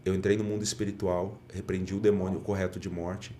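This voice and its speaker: Speaking a bit fast in a low, mellow voice with little pitch movement, a middle-aged pastor shares his testimony as a podcast guest. He's an earnest storyteller who acts out quoted dialogue, over a faint hiss or hum.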